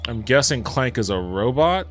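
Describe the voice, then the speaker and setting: A man's voice: mid-range voice, big pitch swings, moderate pace, faint music behind. A man streaming a video game live, talking into a headset mic, reacting aloud, reading game text and swearing casually. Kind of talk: casual live gaming commentary.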